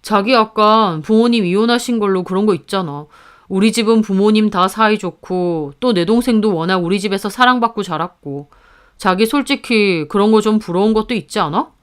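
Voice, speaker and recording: A woman's voice: mid-range voice, moderate pace, clear, resonant tone, lightly acted. A woman voicing a defensive, condescending husband who needles his wife, in a narrated story. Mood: needling. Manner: needling, accusing.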